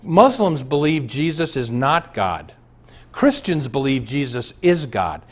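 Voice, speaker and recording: A man's voice: medium pitch, sing-song, a little slow. A middle-aged man preaching on a televised show, earnest and rising to emphatic peaks on key points. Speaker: pastor. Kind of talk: televised sermon.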